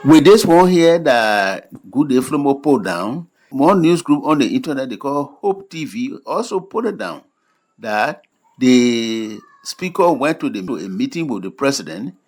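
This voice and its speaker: A man's voice: mid-range voice, sing-song, measured pace, a little mellow. A man with a Liberian accent presents fact-check news in simple Liberian English, telling it like a plain-spoken story and explaining terms as he goes.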